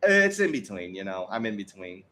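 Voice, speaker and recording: On a livestream, a young American streamer chats casually, rambling, restarting often, and laughing a lot. His voice is on the low side, sing-song and a little fast, with a sharp tone.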